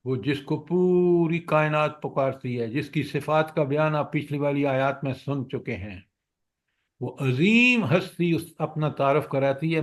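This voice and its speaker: Guy teaching quran to a class, asks them questions, slows right down for the verses, mid pitch. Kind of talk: Quran commentary lecture.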